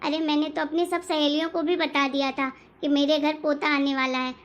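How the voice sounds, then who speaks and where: A woman voicing a scolding, self-pitying grandmother in an animated family story. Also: sits high, normal speed, natural voice. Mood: grumbling.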